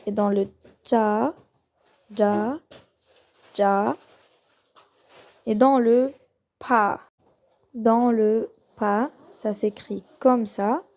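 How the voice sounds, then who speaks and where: Slow-talking woman teaching the Korean alphabet. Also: fairly high pitch, steady tone, mellow. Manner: slow, hesitant, with many pauses and fillers; repeats each sound slowly for the learner. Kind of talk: casual lesson on the Korean alphabet.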